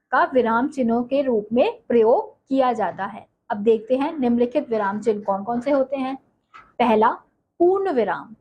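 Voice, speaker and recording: A woman teaching Hindi to children, with a slightly husky voice pitched a little high. She takes her time, repeats each point and asks questions that she answers herself. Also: darkish tone, rough recording. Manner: slow, explanatory, repeats and asks questions then answers them. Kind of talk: online class lesson.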